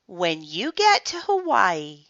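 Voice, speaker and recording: A woman's voice: medium pitch, huge pitch swings, takes it slowly, a bit bright, dry recording, heavily acted. A woman doing a stern frog dad. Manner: firm, scolding. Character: stern frog father, warning his son. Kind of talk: storybook character voice. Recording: slightly muffled dry recording.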